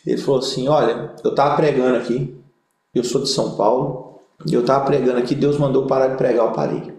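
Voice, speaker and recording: Brisk and mid-range, the young Brazilian pastor's voice carries through an echoey room as he tells funny stories in a relaxed interview. He plays the comic storyteller with animation, voicing the people he describes.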